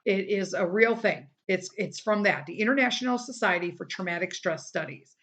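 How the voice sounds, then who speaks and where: Here a middle-aged woman runs a casual solo podcast in a mid-range, fairly bright voice at a moderate pace. Blunt, emphatic, and occasionally profane, she sounds a bit worn, her voice giving out after a long day of recording.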